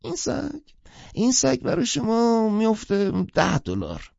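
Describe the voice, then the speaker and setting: Crackly old puppy seller, squeaky and swoopy, all sales pitch, kinda muffled. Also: male voice, huge pitch swings, darkish tone, dry recording, heavily acted. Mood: wheedling. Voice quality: creaky, strained high voice. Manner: wheedling salesman patter. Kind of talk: audiobook character voice.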